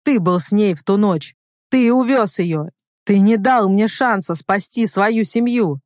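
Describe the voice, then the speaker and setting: A cold, sneering crime boss consumed by hatred, read by a woman in a dry, close audiobook voice. He speaks with icy menace that breaks into hoarse rage. A spoken romance thriller. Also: mid-range voice, a little slow, darkish tone, no echo, voice pushed up, natural voice. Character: cruel vengeful middle-aged male gang boss.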